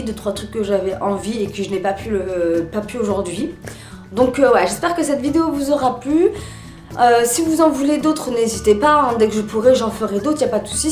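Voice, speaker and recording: A woman's voice: a little high, a little mellow, echoey room. A woman chatting casually in a beauty haul video, full of fillers and restarts. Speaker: beauty vlogger.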